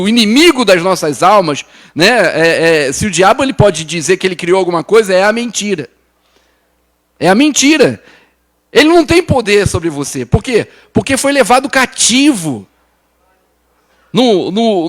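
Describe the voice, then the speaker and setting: High-voiced Brazilian pastor preaching. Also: male voice. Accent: Brazilian Portuguese, São Paulo. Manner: restarts and repeats words, asks the congregation "né?"; swings from raised urgent lines to soft low ones. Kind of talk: sermon.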